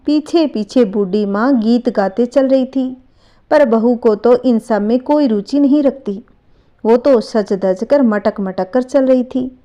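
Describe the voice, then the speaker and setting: A woman narrating a devotional folk story in a steady, expressive way. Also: on the high side, lo-fi sound.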